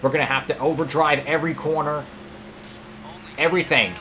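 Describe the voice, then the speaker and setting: Male gaming YouTuber, bright forward voice, excitable play-by-play with pleading outbursts, faint noise behind. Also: a little high, fairly quick. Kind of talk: live racing game commentary.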